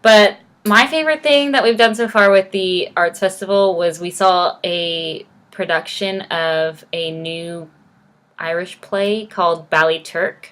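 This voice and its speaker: Gushing young woman, slightly low voice. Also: steady tone, measured pace, a bit bright. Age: young adult. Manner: gushing, emphatic. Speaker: vlogger. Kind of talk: casual chat to camera with a co-host.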